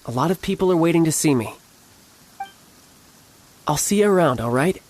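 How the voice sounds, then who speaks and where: A man's voice: a little high, lively intonation, normal speed, darkish tone, slight background noise, close to an everyday voice. Man voicing a breezy, lilting young warrior, Childe. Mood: gently coaxing. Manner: smooth, playful, affably evasive. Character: breezy young male warrior posing as a toy salesman. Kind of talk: scripted video game dialogue.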